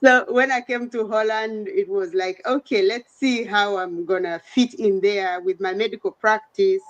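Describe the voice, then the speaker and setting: A woman's voice: mid-range voice, fairly even intonation, moderate pace, muffled recording. A middle-aged woman from Uganda, a guest in an online interview, speaking conversationally with frequent fillers over a video call. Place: home, The Hague.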